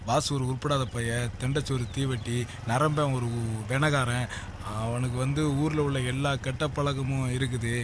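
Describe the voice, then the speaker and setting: An actor playing a cocky, boastful young man who jokes and bosses others with brash shouts. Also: mid-range voice, steady tone, moderate pace, noisy background, lightly acted. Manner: brash, joking, bossy shouts. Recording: film soundtrack with loud music.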